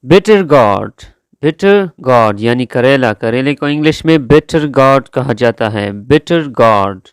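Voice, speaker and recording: Slow, deliberate male teacher. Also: medium pitch, lively intonation, smooth, dry recording, studio quality. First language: Urdu. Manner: drawn-out, careful pronunciation drills. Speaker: English vocabulary teacher. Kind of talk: slow vocabulary lesson, repeating each word.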